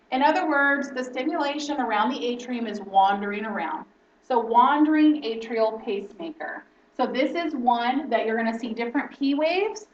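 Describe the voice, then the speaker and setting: A woman instructor teaching a lesson in lecture style, explaining step by step and often checking in with "okay?". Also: on the high side. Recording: roomy, distant, dull lo-fi sound.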